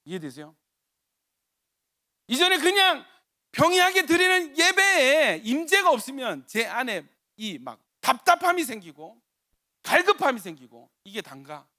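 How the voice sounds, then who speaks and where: A man preaching a sermon as pastor, telling stories in an animated way with repeated exclamations. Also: very high-pitched, measured pace, dry recording.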